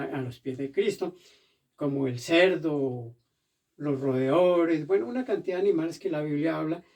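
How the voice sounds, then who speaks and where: A man preaching a sermon as pastor in a church, animated and acting out the voices he quotes. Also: fairly high pitch, far from the mic.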